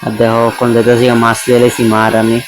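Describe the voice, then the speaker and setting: Hoarse male vlogger, monotone chatty voice-over over loud music. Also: mid-range voice, quick pace, low-quality recording. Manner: chatty, keeps addressing viewers as guys. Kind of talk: casual voice-over vlog narration.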